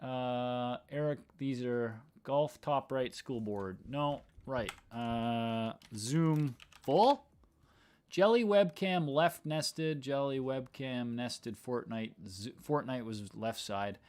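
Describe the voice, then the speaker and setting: A man's voice: mid-range voice, takes it slowly, a little mellow, clear, resonant tone. A man who edits video, chatting casually on a livestream as he works, thinking aloud, trailing off and restarting his sentences. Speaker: video editor. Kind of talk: casual livestream talk while editing.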